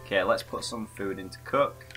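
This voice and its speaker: A man's voice: fairly low pitch, moderate pace, fairly bright tone, soft background music. A man casually chatting while playing a video game, playful and giggly with sing-song outbursts. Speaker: co-host gamer. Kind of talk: casual gameplay chat.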